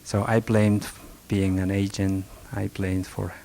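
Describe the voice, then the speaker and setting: A creaky, low, flat voice belongs to an Afghan rug merchant from the country's north, who is taking audience questions at a talk held in a library meeting room. Soft-spoken and halting, he restarts frequently and leans on fillers. Faint hiss runs under this archival recording.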